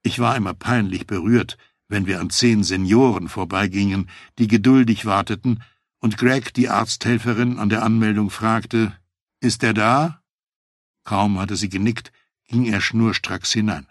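A man reading a first-person memoir aloud, telling the story in a measured, reflective way. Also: fairly low pitch, fairly even intonation, dry recording, studio quality. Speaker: audiobook narrator.

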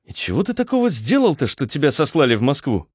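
A man's voice: mid-range voice, huge pitch swings, quick pace, breathy edge, no echo, voice pushed up. A man voicing a wary, sardonic young man who talks in a dry, skeptical way.

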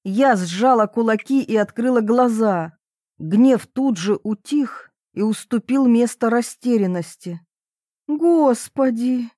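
A woman narrates an audiobook in the first person, wry and lively. Her voice sits a little high. The sound is close and dry, with almost no room around it. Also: no echo.

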